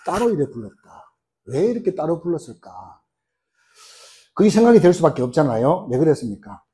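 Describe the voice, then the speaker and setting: A middle-aged man preaches a sermon with plenty of rhetorical questions and quick acted-out quotes. His voice sits a little high for a man, but the tone is mellow and warm. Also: big pitch swings. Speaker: pastor.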